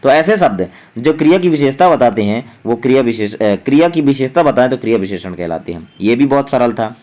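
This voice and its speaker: A man's voice: mid-range voice, animated, a little fast, a little mellow. A young man teaching, walking students through a school exam paper step by step with hesitant fillers. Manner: explains step by step, thinks aloud with fillers. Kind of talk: exam paper walkthrough lesson.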